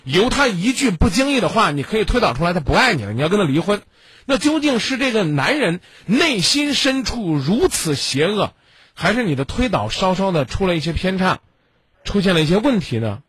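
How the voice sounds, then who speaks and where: Blunt, husky male advice host. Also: sits high, sing-song, fairly quick, fairly bright tone, no echo. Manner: blunt, lecturing, rhetorical questions. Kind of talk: call-in advice radio.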